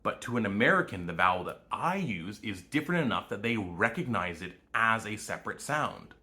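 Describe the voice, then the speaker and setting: A man's voice: on the low side, expressive, brisk, bright, forceful tone. A man with a Canadian accent, explaining speech sounds and demonstrating vowels in a short educational video. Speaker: language educator.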